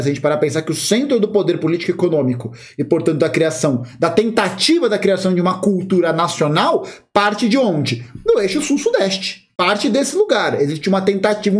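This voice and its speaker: A Paulista man in casual conversation who speaks with a lot of slang. His pitch swings widely, so he sounds very animated. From São Paulo, Brazil. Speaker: podcast co-host. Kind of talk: casual discussion.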